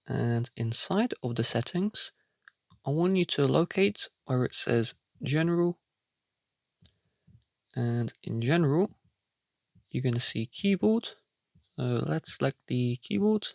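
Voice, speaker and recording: A man's voice: a little high, creaky, no echo. A man narrating an instructional tech tutorial step by step in a plain, instructive way, recorded as a voice-over close to the mic.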